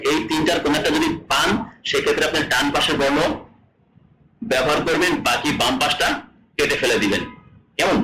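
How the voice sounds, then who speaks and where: A man's voice: a little high, pushed and bright, reverberant, a little hiss or hum, rough recording. A man from Bangladesh teaching a language lesson, repeating each rule and quizzing his students as he explains. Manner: repeats rules and asks the class questions.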